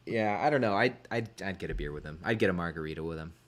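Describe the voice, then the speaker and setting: Meet an easygoing man hosting a laid-back podcast chat. His voice sits on the low side, and he thinks aloud as he shares his views. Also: lively intonation, fast. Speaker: podcast host.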